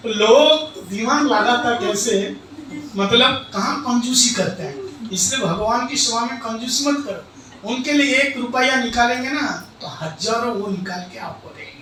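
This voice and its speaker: Brief: male preacher, animated, storytelling sermon; high voice, far from the mic, faint noise behind. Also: a little slow. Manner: animated, chanting verses. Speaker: spiritual preacher. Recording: echoey hall, distant mic.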